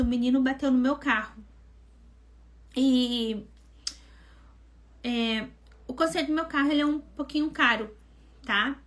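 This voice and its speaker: A woman mentor hosting a live devotional, telling a personal testimony in a lively, conversational way and acting out what people said. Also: high-pitched. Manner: animated storytelling, acting out quoted dialogue; conversational, addresses listeners as gente.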